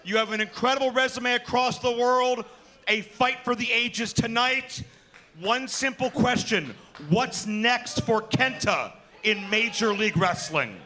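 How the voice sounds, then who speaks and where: A man giving emphatic, projected live pro wrestling commentary, often raised to a shout. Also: very high voice, measured pace, slight background noise. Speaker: wrestling commentator and ringside interviewer. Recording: loud music and crowd behind.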